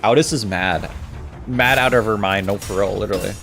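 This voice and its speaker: Young male streamer, excitable, jokey banter with chat, faint music under. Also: lowish voice, a little fast, gravelly. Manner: excitable, joking, talks back to chat. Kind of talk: casual live-stream banter.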